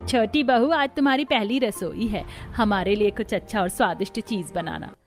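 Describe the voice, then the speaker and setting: A woman voicing a stern, food-loving older mother-in-law in an animated family drama, talking in a bossy, demanding way. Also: medium pitch, moderate pace, close to an everyday voice. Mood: commanding.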